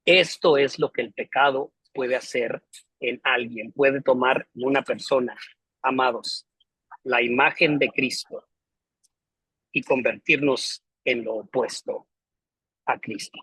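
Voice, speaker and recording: Husky-voiced man teaching as pastor. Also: medium pitch, fairly even intonation, takes it slowly, sharp tone, dry recording, poor audio. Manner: earnest, emphatic, preacherly. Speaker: pastor teaching a theology class. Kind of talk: storytelling lesson.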